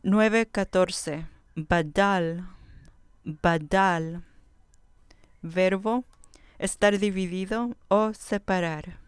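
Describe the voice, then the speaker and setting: A woman teaching a vocabulary lesson, saying each word slowly and carefully and repeating it before giving its meaning. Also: on the low side, clear, resonant tone, dry recording. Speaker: Biblical Hebrew teacher.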